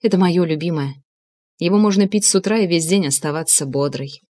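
A woman's voice: fairly low pitch, brisk, warm tone, lightly acted. A woman reading an audiobook, voicing a proud young woman who speaks in a cool, offhand way.

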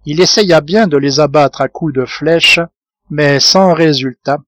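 Brief: male audiobook narrator, slightly high voice, dry close sound, measured delivery. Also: fairly bright tone, no room sound. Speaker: audiobook reader. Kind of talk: scripted narration.

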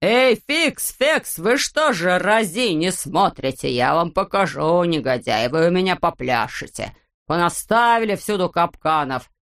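A woman's voice: fairly low pitch, expressive. A woman voicing a bald, bossy, greedy male landowner who screeches, drags out his words and hurls insults, as a character in an audiobook. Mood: furious. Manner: screeching, drawn-out yelling, name-calling.

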